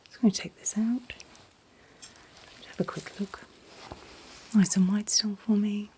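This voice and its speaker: Woman, ASMR role-play, very breathy, slow pace, calm attentive dentist, gentle reassurance. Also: mid-range voice. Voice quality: breathy, mostly unvoiced soft voice. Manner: gentle, reassuring, unhurried instructions. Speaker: ASMR performer playing a dentist.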